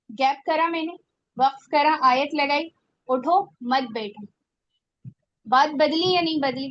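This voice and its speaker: A woman's voice: sits high, dull audio. A woman teaching a religious class on Quran recitation, earnest and exhorting her students.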